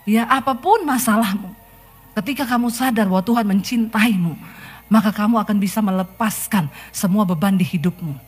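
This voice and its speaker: A woman's voice: mid-range voice, moderate pace, slightly rough, soft background music. A middle-aged woman pastor preaching a sermon, telling stories and acting out the quotes. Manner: lively storytelling sermon, acts out quotes.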